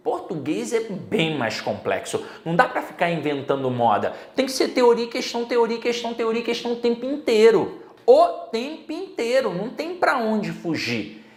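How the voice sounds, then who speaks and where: A man's voice: very high voice, wildly swooping pitch, moderate pace, roomy sound. A middle-aged Brazilian man giving a casual exam-prep Portuguese lesson, chatty and full of personal stories. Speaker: Portuguese teacher.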